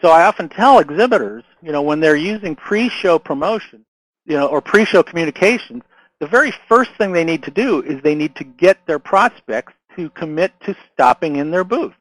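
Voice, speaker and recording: This expressive marketing consultant is losing his voice as he gives a casual instructional talk to camera at a normal speed, talking loosely with restarts, fillers, and frequent "right?" and "okay?" His voice is on the high side and fairly bright. It's a rough recording with no room sound.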